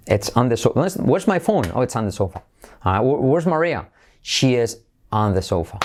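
Male teacher, energetic, bilingual lesson. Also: mid-range voice, unhurried, a little hiss or hum. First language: Spanish. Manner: enthusiastic, switches between Spanish and English. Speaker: English teacher.

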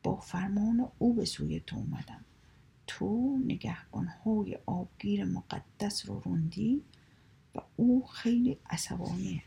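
A woman voicing a sly male mountain goat who poses as a royal envoy, speaking slowly in a hushed, commanding way. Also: medium pitch, creaky, breathy edge, heavily acted. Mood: stern, threatening.

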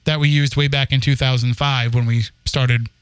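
With a clear, resonant mid-range voice, a forties-aged podcast host from the Boston area keeps a level tone at a moderate pace. He tells the podcast's story in a rambling, chatty manner, restarting and laughing often, with no echo.

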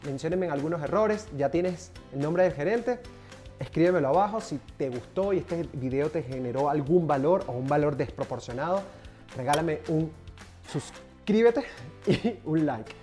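A man speaks as a career coach in an energetic online tutorial. He drives points home by repeating words and speaks straight to his viewers. Soft background music plays faintly underneath his voice. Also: on the high side, moderate pace. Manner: emphatic, repeats words for stress, addresses viewers as "señores".

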